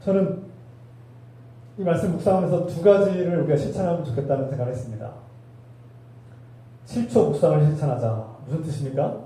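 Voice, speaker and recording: A man's voice: a little high, brisk, pauses often, warm tone. A male pastor preaching a sermon, with rhetorical questions and emphatic repetition. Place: church sanctuary. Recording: echoey hall, voice from a distance.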